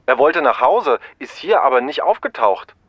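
A man's voice: mid-range voice, sing-song, moderate pace, no room sound, pitched above the performer's own voice. A man voicing a worried father calling about his missing son, anxious and polite, heard over a muffled phone line.

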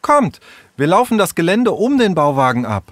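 A bossy, excitable young girl who takes charge of her friends, played by a male narrator. Her voice is pitched high and lively, eager and quick to get indignant, recorded close and dry for a children's audiobook. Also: dry recording.

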